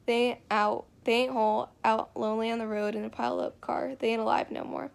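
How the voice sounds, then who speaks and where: A woman's voice: fairly high pitch, level tone, fairly quick, vocal fry. A woman reading the lines of a lonely, bitter middle-aged farmer man who rambles in a drawling rural dialect.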